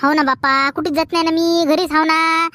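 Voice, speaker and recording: A bold young village girl with a Vidarbha Marathi accent, played by a woman. Her voice is high and she teases and scolds, recorded dry and close with no room sound. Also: flat delivery, normal speed, sharp tone, no room sound. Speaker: comedy actor. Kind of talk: rural comedy sketch acting.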